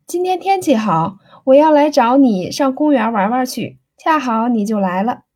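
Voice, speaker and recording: Lady doing a chatty young wife, jumpy and playful, slightly high soft voice. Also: lively intonation, moderate pace. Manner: playful, evasive. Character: chatty, flustered young married woman. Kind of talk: audiobook character reading.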